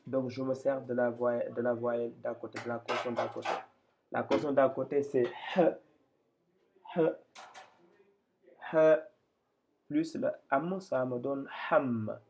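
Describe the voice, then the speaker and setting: A man giving a slow step-by-step reading lesson, hesitating, repeating phrases and spelling out syllables. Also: medium pitch, steady tone, gravelly, noisy background. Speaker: Quran reading teacher. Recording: dull lo-fi sound.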